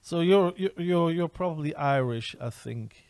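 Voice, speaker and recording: Hesitant man hosting, higher voice. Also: animated, moderate pace, darkish tone, clean tone, dry recording. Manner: hesitant, repeats words, restarts often. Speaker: podcast host. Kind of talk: casual interview over a video call. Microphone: video call.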